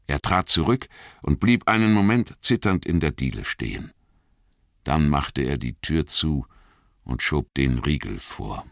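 Very deep, expressive male narrator. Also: measured pace, creaky, no room sound, studio quality. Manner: dramatic, expressive storytelling. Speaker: audiobook narrator. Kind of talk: scripted dramatic narration.

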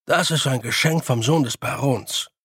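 A man's voice: medium pitch, normal speed, a bit bright, slightly rough, no room sound, clean studio sound. A man voicing a tiny, brash fairy-folk leader who blusters and improvises excuses. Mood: explaining.

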